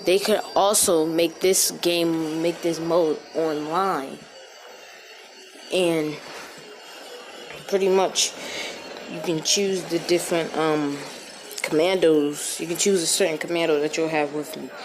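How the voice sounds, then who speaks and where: Woman, lowish voice, loose rambling game commentary, echoey room. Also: steady tone, takes it slowly, long pauses, background noise. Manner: rambling, many fillers and restarts. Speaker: gaming video creator. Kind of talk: casual gameplay voiceover. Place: echoey room, different from usual.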